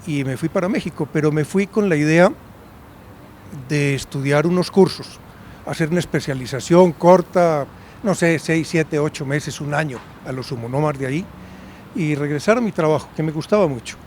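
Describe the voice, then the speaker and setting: A man's voice: fairly high pitch, darkish tone, slight background noise. Man in his sixties, chatty storyteller. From Medellín, Colombia. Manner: conversational, often checks in with a questioning "right?". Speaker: university professor. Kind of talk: storytelling in an interview.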